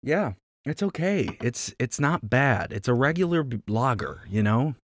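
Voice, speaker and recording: A man co-hosting a casual beer review from Rochester, speaking in an easygoing, halting way with many fillers, his voice coming through robotic, low sample rate internet audio. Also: big pitch swings, no room sound, studio quality. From Rochester, New York. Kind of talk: casual chat. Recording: glitchy low-quality online call audio.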